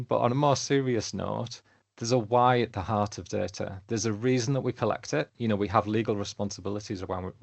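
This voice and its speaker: A man giving a webinar presentation on his work, lively and fond of analogies, often putting questions to the audience. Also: lowish voice, gravelly, dry recording. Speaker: webinar presenter, council data lead.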